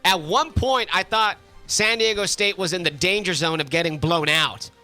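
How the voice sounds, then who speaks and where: A man hosting a sports radio talk show, upbeat and quick as he steers the segments from a studio microphone. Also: high-pitched, sharp tone, soft background music. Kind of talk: casual sports radio chat.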